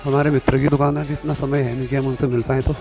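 A man's voice: mid-range voice, little pitch movement, racing, darkish tone. A young man from Uttarakhand, India, with a slightly sore throat, walking through outdoor market streets and chatting to viewers as he guides a tour, recorded on a phone camera with background music. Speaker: vlogger. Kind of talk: walking city tour vlog.

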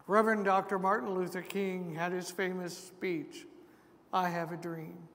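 Male pastor, high-pitched, unhurried, preaching with asides in a reverberant sanctuary. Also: flat delivery, a bit bright. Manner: slow, deliberate preaching with asides. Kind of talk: sermon. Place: large church sanctuary. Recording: long church reverb.

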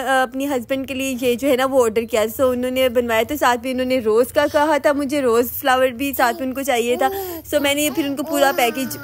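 A woman's voice: high-pitched, no room sound. A young Pakistani woman with an Urdu accent, a home baker giving a chatty, instructive cooking tutorial voice-over. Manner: chatty, instructive, repeats "ठीक है".

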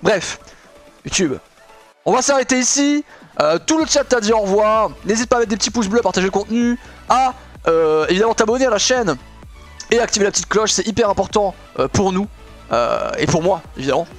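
In this live stream reaction and chat, a young man talks to viewers with a high, brisk voice, rambling with many fillers while excitably shouting and laughing with joy, faint music playing behind him.

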